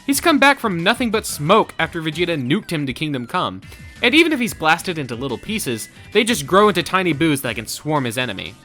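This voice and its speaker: In a sharp, very animated voice on the high side, a co-host delivers dramatic scripted narration for a versus show at a fairly quick clip. Faint music sits in the background of his theatrical storytelling.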